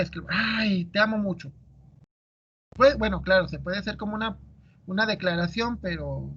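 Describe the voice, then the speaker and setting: Male teacher, high voice, quizzing his students, muffled audio. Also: a bit bright. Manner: asks students questions, explains step by step. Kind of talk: classroom lecture.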